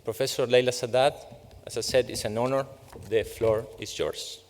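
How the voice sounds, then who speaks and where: A man's voice: medium pitch, fairly even intonation, normal speed, slight background noise. A man hosting an event, giving a formal speech at a podium to introduce a speaker. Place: large courtroom. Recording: echoey hall with long reverb.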